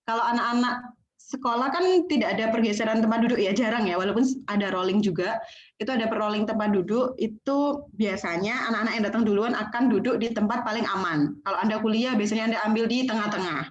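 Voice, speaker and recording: A woman delivers a training lecture over a video call, chatty and animated, slipping into the voices of students and teachers. Her voice sits a little high. The sound is echoey and a bit muffled, as if from a room through a laptop. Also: quick pace. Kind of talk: online lecture. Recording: echoey, dull online call audio.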